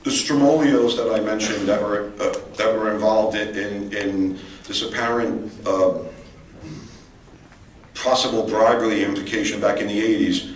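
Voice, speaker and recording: A man from the public questioning a town official at a meeting, hesitant and halting but politely persistent. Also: fairly low pitch, steady tone. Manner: hesitant, full of fillers and restarts, politely persistent. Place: large echoey public meeting hall. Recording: echoey hall, distant mic, faint room noise.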